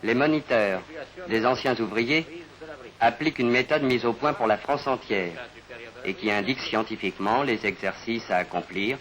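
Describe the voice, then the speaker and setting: A man narrating a 1950s broadcast documentary in a measured, formal manner, sometimes posing rhetorical questions. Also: mid-range voice, fairly bright tone, rough recording. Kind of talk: scripted narration. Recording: narration over clear background music.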